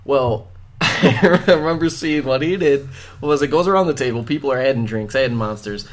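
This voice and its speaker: A man's voice: mid-range voice, normal speed. A man hosting a casual group chat, rambling with fillers and laughing often.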